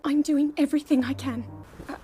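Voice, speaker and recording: A woman plays an earnest young video game princess with a high, breathy voice. She chooses her words formally and precisely, like a scholar carrying a heavy duty. Music plays beneath her dramatic lines. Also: fairly even intonation, a little fast, mellow, close to an everyday voice. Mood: defensive, pleading. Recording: background music under dialogue.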